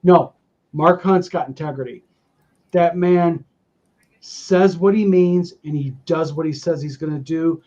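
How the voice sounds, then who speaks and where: A man's voice: a little high, unhurried, a little mellow. A man in his fifties hosting a casual show, reading viewer messages aloud and speaking bluntly and emphatically. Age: 50s. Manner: blunt, emphatic, swears freely. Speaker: podcast host reading viewer mail. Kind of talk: casual chat. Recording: dull lo-fi audio.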